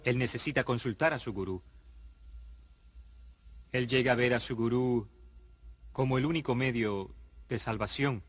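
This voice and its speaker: A man calmly explaining in a dubbed documentary interview. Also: mid-range voice, normal speed, pauses often, dry recording.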